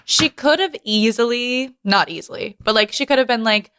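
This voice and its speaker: A woman with a slightly bright, higher voice hosts a podcast, chatting casually about film at a moderate pace. She's informal and emphatic, often repeating words to stress them, and there's a bit of background noise.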